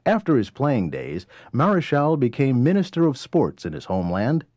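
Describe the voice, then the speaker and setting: Deep-toned male archive narrator. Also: wildly swooping pitch, darkish tone, dry recording. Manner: formal, measured. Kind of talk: scripted documentary narration.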